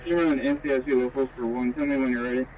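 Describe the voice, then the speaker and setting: A man's voice: medium pitch, flat delivery, fast talker. A man speaking in clipped radio call signs as a police officer, heard over a police radio scanner. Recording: muffled scanner radio with loud noise.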